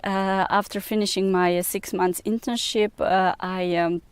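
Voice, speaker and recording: A young woman from Serbia with a Serbian accent, a researcher speaking in an interview, pausing often with many filler sounds. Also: mid-range voice, steady tone, clean tone, dry recording. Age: young adult. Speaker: researcher and PhD student. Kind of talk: recruitment video interview.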